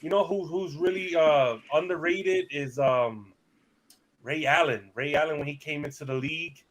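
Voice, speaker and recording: A man in his thirties on a casual sports talk livestream, energetic and opinionated, with fillers and repeated starts. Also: a little high, moderate pace, a little hiss or hum. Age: 30s. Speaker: sports talk show regular.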